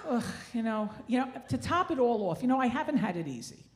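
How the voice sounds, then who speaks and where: A woman's voice: fairly high pitch, big pitch swings, fast talker. A woman in her sixties doing stand-up comedy into a handheld stage mic, with wry, self-deprecating, Yiddish-inflected kvetching. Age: 60s. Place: theatre stage, indoors. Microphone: handheld stage microphone. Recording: live stage ambience with clear noise.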